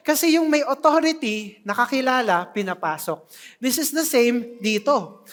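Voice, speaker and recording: A preacher giving an animated sermon in a church, joking with the congregation. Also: sits high. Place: church hall. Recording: long reverb of a church hall.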